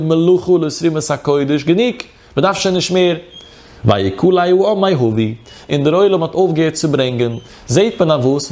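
A man's voice: on the high side, darkish tone. A man with a Yiddish accent teaching a Talmud lesson in a singsong study chant that keeps rising and falling. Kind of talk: traditional Talmud study lecture.

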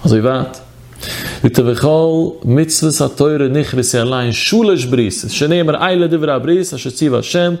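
A man's voice: a little high, normal speed, a little mellow. A man teaching a religious text study lecture, reciting scripture passages in a singsong study cadence. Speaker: Torah teacher.

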